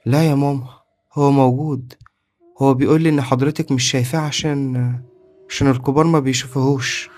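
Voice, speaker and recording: A man's voice: mid-range voice, fairly even intonation, fast, pauses often, darkish tone, faint music behind, voice pushed up, natural voice. A man with an Egyptian Arabic accent voicing a frightened little boy in a spoken horror story, speaking in a raised, pleading child voice. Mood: insistent. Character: frightened little boy haunted by an unseen friend.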